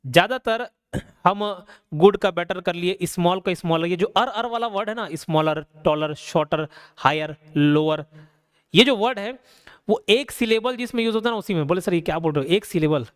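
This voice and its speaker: A male teacher giving a casual, conversational grammar lesson. He keeps asking rhetorical questions and slows down to spell out each example. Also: high-pitched, clean tone, no room sound, studio quality. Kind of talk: casual classroom explanation.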